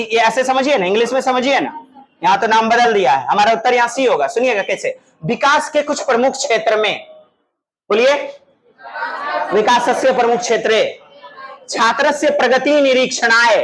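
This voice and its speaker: A man's voice: extremely high pitch, a bit bright, poor audio. A middle-aged male teacher leading an online exam-prep class, drilling his students by repeating terms and calling out prompts for them to answer.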